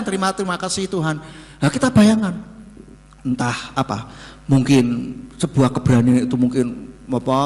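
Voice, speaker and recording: Pastor guy preaching, pretty high voice jumping all over, long hall echo. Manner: lively, jokey preaching with sudden pitch jumps and Javanese asides. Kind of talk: sermon.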